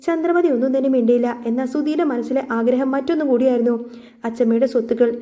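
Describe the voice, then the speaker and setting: A woman narrating a storybook-style recap of a serial episode, rushing through it with occasional self-corrections. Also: sits high, dark tone.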